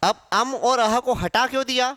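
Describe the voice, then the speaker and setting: A man's voice: very high voice, moderate pace, pushed and bright. A male Hindi teacher giving a classroom lecture, asking questions and answering them himself while drilling pronunciation aloud. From India.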